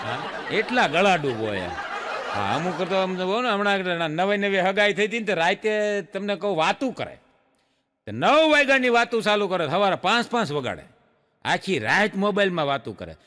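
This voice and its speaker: A male stand-up comedian spins folksy jokes for a live audience. His voice sits high and sounds bright and forceful. A long hall reverb trails behind each line. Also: very animated, normal speed. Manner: folksy storytelling, playful asides to the audience. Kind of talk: stand-up joke telling.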